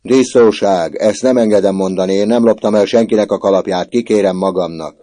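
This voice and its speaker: A man voicing an indignant teenage schoolboy who shrieks and shouts in fury. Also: no echo, lightly acted. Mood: outraged. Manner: shrill, furious shouting.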